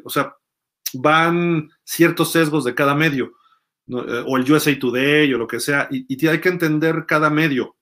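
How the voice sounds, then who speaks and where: A man's voice: a little high, a bit bright. A middle-aged man with a Mexican accent, hosting a sports show and telling a story in a casual, chatty way with lots of fillers. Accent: Mexican Spanish. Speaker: sports journalist host. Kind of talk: casual commentary monologue.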